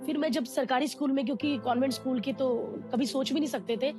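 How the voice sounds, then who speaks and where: A woman guest telling a candid, emotional personal story in a lively way, often acting out what others said to her. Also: high voice, fast talker, loud music behind the voice. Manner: candid, animated, acts out quoted voices.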